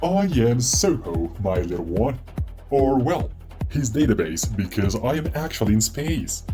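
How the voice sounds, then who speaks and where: A man voicing a cheerful, chatty robot satellite with a robotic, sparkling voice and theatrical delivery. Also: medium pitch. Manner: theatrical, lively, drawn-out delivery. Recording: soft music underneath.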